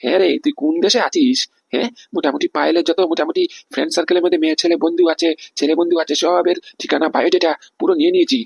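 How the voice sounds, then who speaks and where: A man voicing a boastful, scheming male VIP villain in a Bengali animated comedy. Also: fairly high pitch, rapid-fire, vocal fry, breathy edge, dry recording, heavily acted. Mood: smug scheming. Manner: swaggering, laughing boasts.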